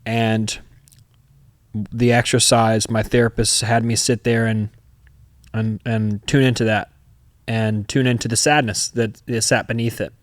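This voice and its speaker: A man's voice: on the low side, little pitch movement, unhurried, dry recording, clean studio sound. A profane, emphatic man telling a story. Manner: emphatic, profane, swings into loud re-enacted outbursts. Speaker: podcast host. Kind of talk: candid conversational storytelling.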